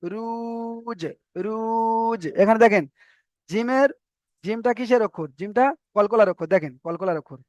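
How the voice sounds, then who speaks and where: A man's voice: high-pitched, darkish tone, dry recording. A man teaching a Quran recitation class, repeating letters and rules again and again for students to memorize. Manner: repetitive, drills letters and rules aloud. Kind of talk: online tajweed lesson. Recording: dry, dull lo-fi sound.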